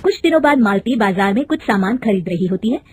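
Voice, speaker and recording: A woman narrating a cartoon story in an even, plain way. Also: medium pitch, a little fast, slightly rough, no echo.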